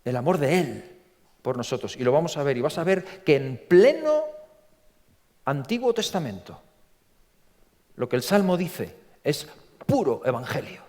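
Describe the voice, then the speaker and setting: Animated preacher from in a big hall. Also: male voice, on the high side, unhurried, pauses often. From Spain. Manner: animated, repeats words, acts out quotes in a story. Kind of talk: sermon. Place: large church. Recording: long reverb from a church hall.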